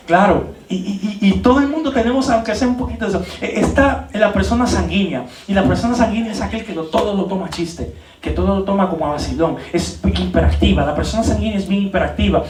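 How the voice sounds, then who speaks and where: A man preaching at a leadership training in a church hall, animated, with many rhetorical questions and repeated words. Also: sits high, fast talker, recorded from a distance, noisy background. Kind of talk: church teaching talk.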